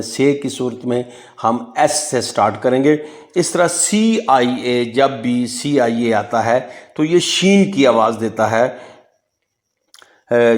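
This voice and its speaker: A man giving a phonics lesson, spelling words out letter by letter. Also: medium pitch. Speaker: English teacher.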